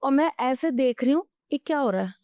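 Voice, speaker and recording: A woman's voice: high voice, brisk, no room sound, studio quality. A woman astrologer, the guest on a podcast interview, giving earnest advice and telling stories from her own life. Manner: animated storytelling, anecdotes from her own life; advising, earnest.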